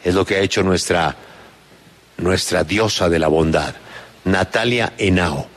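A man's voice: low-pitched, a little slow, fairly bright tone. A man hosting a morning show, handing off to a reporter in a playful, teasing way. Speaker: radio show host. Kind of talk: lively morning show banter.

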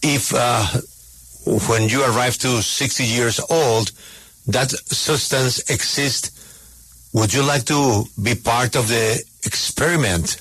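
Husky-voiced man radio host. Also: medium pitch, slow pace, a bit bright, dry recording. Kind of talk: radio interview hosting.

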